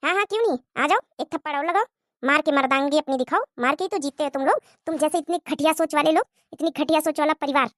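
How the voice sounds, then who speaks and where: A woman's voice: high voice, fast talker, dry recording, clean studio sound. A woman voicing a young daughter-in-law in a cartoon moral story, outspoken and indignant as she argues back. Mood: defiant arguing. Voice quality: indignant, argumentative.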